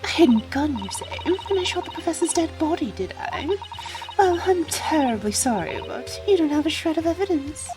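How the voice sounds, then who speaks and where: A woman voicing a smug, condescending English villainess in a fan game dub, breathy and slowly taunting. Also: high-pitched, animated, music in the background, voice pushed up. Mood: mocking. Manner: taunting, drawn-out sneering delivery.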